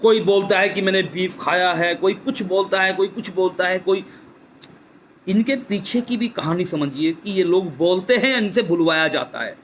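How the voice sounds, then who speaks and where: A man's voice: high-pitched, expressive, moderate pace, fairly bright tone, a little hiss or hum. A man giving an impassioned address on a live stream, repeating his points and asking rhetorical questions. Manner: fervent, repetitive, rhetorical questions. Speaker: activist speaking on a Facebook live stream. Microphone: phone or webcam for a live stream.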